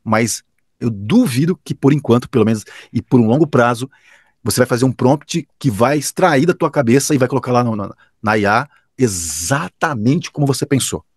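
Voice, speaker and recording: This is an enthusiastic Brazilian announcer speaking casually in an interview. His husky voice moves animatedly up and down in pitch, and he stresses his points hard. The recording is dry and close. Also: animated, moderate pace, no echo. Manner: enthusiastic, emphatic, with frequent restarts. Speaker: professional announcer and radio director.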